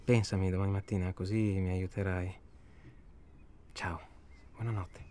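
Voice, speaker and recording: In a naturalistic radio drama, an actor plays a nervous, chatty middle-aged husband who hesitates, rambles, repeats himself and looks for agreement. His male voice is low, dark, flat and unhurried, with a reassuring, tender mood.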